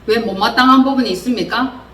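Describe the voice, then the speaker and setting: A woman's voice: fairly high pitch, fast talker, a bit bright. A woman preacher delivering a sermon, earnestly exhorting her listeners with many rhetorical questions. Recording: roomy echo, distant mic, faint noise.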